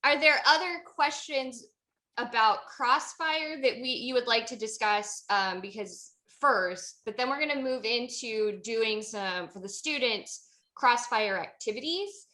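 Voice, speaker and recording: A woman's voice: a little high, measured pace, bright, forceful tone. A woman moderating a debate workshop, upbeat and candid about herself. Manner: upbeat, candid, self-mocking.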